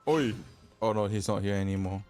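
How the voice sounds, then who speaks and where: A male streamer talks casually over his gameplay, reacting aloud to what happens on screen. His voice is fairly low, with faint game music running behind him. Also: brisk, darkish tone.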